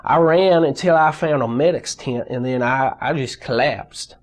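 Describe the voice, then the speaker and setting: A man interviewed in a mock documentary, telling his war story in an earnest, halting way. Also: medium pitch.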